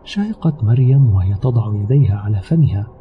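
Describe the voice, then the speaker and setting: A man narrating an audio novel in a steady, measured storytelling manner. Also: fairly low pitch. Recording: slightly dull recording with background music. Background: soft music.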